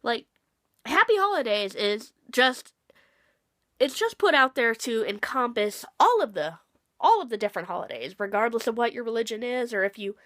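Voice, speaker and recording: A woman's voice: on the high side, fairly bright tone, dry recording, clean studio sound. A woman vlogger with a cold, ranting casually and sarcastically, swearing freely. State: has a cold, sniffly. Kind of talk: casual rambling rant.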